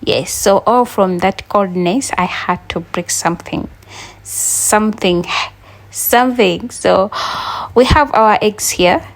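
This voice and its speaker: Slow-talking Ugandan woman cooking vlogger. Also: medium pitch. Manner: chatty, talks to viewers while cooking. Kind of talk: casual cooking vlog.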